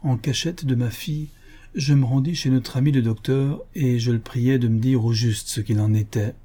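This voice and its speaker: A man narrating a classic novel in the first person with a measured, even reading. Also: mid-range voice. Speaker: audiobook narrator.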